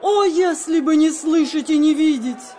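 A woman's voice: high-pitched, normal speed, dark tone, a little hiss or hum, close to an everyday voice. An actress playing an anguished noblewoman bearing grim news in a declaimed, tremulous verse drama style. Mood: anguished dread.

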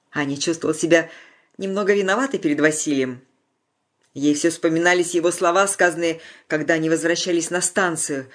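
A reader narrates a story in a calm, measured way. The voice sits in the middle of the range and the delivery is steady and unhurried. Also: medium pitch. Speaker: audiobook reader.

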